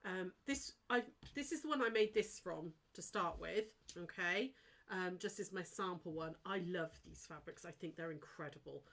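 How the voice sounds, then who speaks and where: A sewing teacher with a snuffly, blocked nose hosts a casual live craft demo, chatting with her viewers while she demonstrates and apologizing along the way. Her voice is on the low side and fairly bright, at a normal speed.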